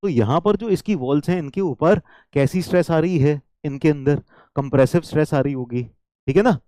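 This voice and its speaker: A man's voice: a little high, normal speed, warm tone, no room sound. A man teaching an engineering class, who keeps checking in with the students and repeats key points, now and then saying a line in English. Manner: switches into English lines. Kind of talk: engineering lecture.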